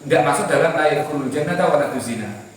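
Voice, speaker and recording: Man, high voice, preaching, rhetorical questions, echoey hall from far off. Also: fast talker, a little hiss or hum. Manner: animated, rhetorical questions, retelling dialogue. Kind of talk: Islamic sermon with storytelling.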